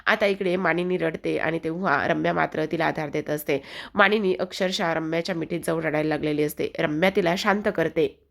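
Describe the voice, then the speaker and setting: A woman's voice: sits low, steady tone, brisk, gravelly. A woman retelling a TV serial episode in a chatty manner, speaking directly to her viewers. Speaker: TV serial recap narrator.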